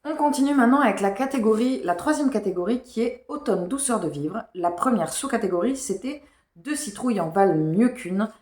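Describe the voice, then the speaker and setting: A woman's voice: fairly high pitch, lively intonation, a little fast, darkish tone. A woman book vlogger chatting casually and rambling about her reading pile, with slightly unclear diction. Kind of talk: casual chat. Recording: echoey room.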